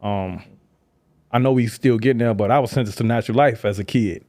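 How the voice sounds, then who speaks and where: A man's voice: mid-range voice, a little fast, darkish tone, no room sound, studio quality. A man talking earnestly about his past as a podcast guest, with frequent fillers. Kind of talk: casual conversation.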